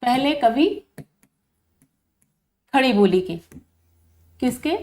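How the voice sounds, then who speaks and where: A woman teaches an online exam-preparation lesson in a high voice. She poses each question to her students, then repeats the answer several times and stresses the key words. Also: lively intonation, very slow, dark tone.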